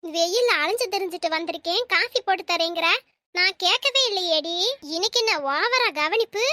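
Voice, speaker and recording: Woman doing a shrill, bright-voiced old cartoon mother-in-law, always suspicious and scolding, in a dry close recording. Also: normal speed, no room sound. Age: older. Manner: shrill, accusing, wailing complaints. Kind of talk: cartoon voice acting.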